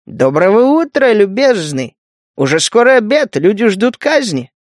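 A man's voice: extremely high pitch, very animated, normal speed, no echo, clean studio sound, pitched above the performer's own voice. A man voicing a sly, fawning spider creature in an audiobook, speaking in a wheedling, ingratiating way.

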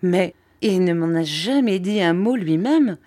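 A woman voicing a devoted, warm-hearted old nursemaid who speaks in blunt, emphatic exclamations. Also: fairly low pitch, lively intonation, unhurried. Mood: laughing, flustered.

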